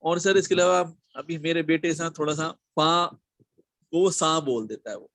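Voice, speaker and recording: Middle-aged man, a touch high-pitched, close and dry; thoughtful, hesitant talker. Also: measured pace, a bit bright, dry recording. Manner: thoughtful, searching for words. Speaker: discussion participant. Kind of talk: casual group discussion.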